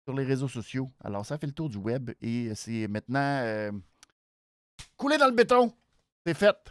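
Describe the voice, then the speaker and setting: A host with a nasal voice and a Quebec French accent gives a casual show recap, halting and repeating words for emphasis. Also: mid-range voice, dry recording, studio quality. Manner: animated, hesitant, halting phrases with repeats for emphasis. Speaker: wrestling show review host.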